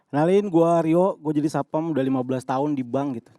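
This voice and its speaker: A man's voice: on the high side, quick pace, dark tone, dry recording, clean studio sound, faint music behind. A male comedian doing a punchy stand-up set, acting out characters in his bits.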